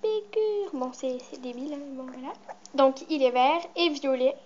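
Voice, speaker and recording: A woman's voice: sits high, fairly even intonation, normal speed, a little mellow, a little hiss or hum. A teenage girl chatting in a casual show-and-tell vlog, rambling with many fillers. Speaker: vlogger. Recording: muffled lo-fi home recording.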